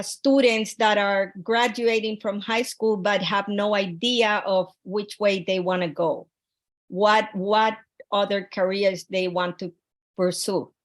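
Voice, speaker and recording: A woman from Honduras lays out her study over a video call, earnest and methodical. Her voice sits at a middling pitch, and she keeps stopping to restart phrases and fill gaps with "uh" and "um.". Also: fairly bright tone. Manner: earnest, with frequent fillers and restarts. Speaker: graduate student presenting a research proposal.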